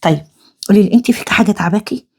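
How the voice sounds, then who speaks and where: A woman's voice: mid-range voice, rapid-fire, dark tone, slightly rough, close to an everyday voice. A woman playing an exasperated middle-aged mother with an Egyptian accent, exclaiming and reciting protective prayers. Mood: pleading. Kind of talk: acted comedy drama.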